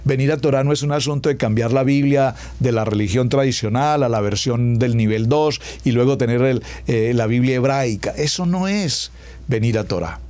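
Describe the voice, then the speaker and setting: A man preaching a radio sermon as pastor, stacking words into lists and slowing down to stress key words. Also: medium pitch, a little mellow.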